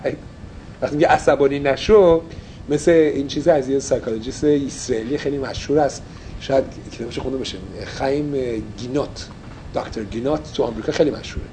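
A man's voice: medium pitch, mellow, a little hiss or hum, low-quality recording. A man teaching an informal Torah study class, mixing Persian with English and explaining phrases as he goes.

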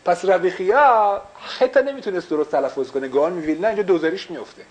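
Male teacher, slightly high voice, questions the class and drops in English phrases. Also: poor audio. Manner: explains with repeated rhetorical questions; mixes English phrases into Persian. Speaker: religious teacher.

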